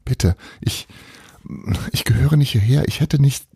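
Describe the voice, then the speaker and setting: Man voicing anxious young woman, audiobook figure, pleading questions, raised pitch, raspy, dry sound. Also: measured pace, mellow, no echo. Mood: bewildered. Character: confused anxious young woman newly dead.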